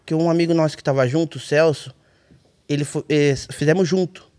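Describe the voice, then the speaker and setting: A man's voice: fairly high pitch, a little fast. A man with a Brazilian accent, a rally navigator guest telling a story in casual, colloquial talk and acting out the dialogue. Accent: Brazilian Portuguese. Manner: animated, colloquial, acts out dialogue in his story.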